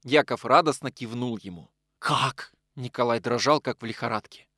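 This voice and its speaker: A man narrating a novel aloud in an expressive, dramatic reading style. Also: mid-range voice, brisk, no echo, studio quality. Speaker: audiobook reader.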